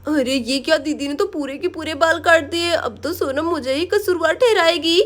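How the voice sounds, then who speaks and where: A woman voicing a gentle village woman who speaks in a soothing, coaxing way. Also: high voice, normal speed.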